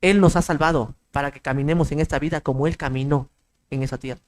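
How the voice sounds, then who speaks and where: A man's voice: on the high side, fairly even intonation, quick pace, rough recording. A man preaching a sermon, firing off rhetorical questions and acting out bits of dialogue. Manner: emphatic, rhetorical questions, acts out quoted dialogue.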